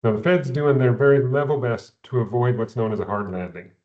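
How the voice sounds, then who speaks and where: A man, an investment adviser, explaining economics in a measured way, often repeating words at the start of phrases, heard over a video call. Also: mid-range voice, muffled recording. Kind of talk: explaining economics in a recorded company Q&A.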